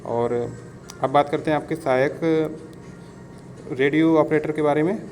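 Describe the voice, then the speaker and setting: This instructor's voice is on the high side, steady, unhurried, and darkish, with soft background music behind it. Giving an informal exam-prep explainer, he repeats himself, addresses listeners as friends, and mixes in English words. Background noise is also clearly present.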